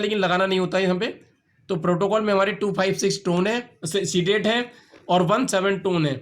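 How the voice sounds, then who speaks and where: A man teaching an acupressure treatment, explaining each step patiently and repeating the points. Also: high-pitched. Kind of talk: instructional demonstration.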